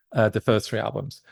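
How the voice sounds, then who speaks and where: A middle-aged man talks in a lowish voice as an interview guest. He rambles and restarts his sentences, with plenty of fillers along the way. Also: creaky, darkish tone, slightly rough. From England. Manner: rambling, stop-start with many restarts and fillers. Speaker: guest, musician and producer. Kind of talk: casual interview chat.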